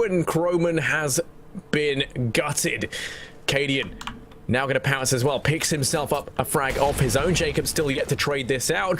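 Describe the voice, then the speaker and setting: A man's voice: mid-range voice, a bit bright, a little hiss or hum. A man working as an esports caster, giving flowing, dramatic play-by-play commentary on a shooter match with colourful flourishes.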